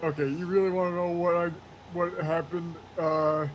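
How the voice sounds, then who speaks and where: A man in his twenties, a co-player on a game stream, chatting in an easygoing, halting way. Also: fairly high pitch, little pitch movement, a little hiss or hum, poor audio. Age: 20s. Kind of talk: casual chat.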